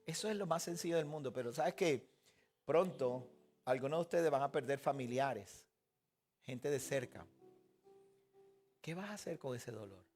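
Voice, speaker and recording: A pastor giving a sermon in an earnest way, often putting questions straight to the listeners. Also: male voice, mid-range voice, animated, moderate pace, pauses often, darkish tone, soft background music.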